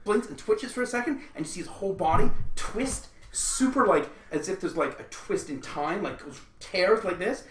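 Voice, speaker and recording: A man's voice: sits high, animated, moderate pace, hardly any pauses. A man running a tabletop game, describing scenes in a rambling way full of fillers and restarts. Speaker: game master. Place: indoors at a gaming table. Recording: echoey room, far from mic, light hiss.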